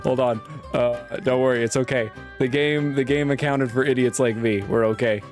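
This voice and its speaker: A man commenting casually on a video game in a medium-pitched voice. He is jokey and irreverent, with faint game music behind him. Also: fairly even intonation, normal speed. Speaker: gamer playing on camera or stream. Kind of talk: casual joking gameplay commentary.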